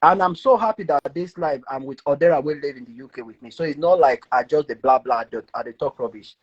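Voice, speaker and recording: A Nigerian man living in the UK, hosting a heated live debate, animated and exasperated, often repeating himself. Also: a little high, fast talker, slightly rough. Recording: muffled lo-fi live stream audio.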